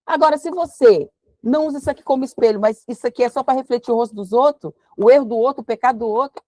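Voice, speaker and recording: A woman with a fairly high voice leads a devotional Bible study, reading scripture slowly and then explaining it in a lively, conversational preaching tone. There's no echo.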